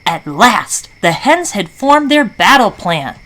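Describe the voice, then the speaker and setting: A woman storyteller narrating a scripted children's story in an animated, dramatic style. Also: mid-range voice, slow. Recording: faint background noise.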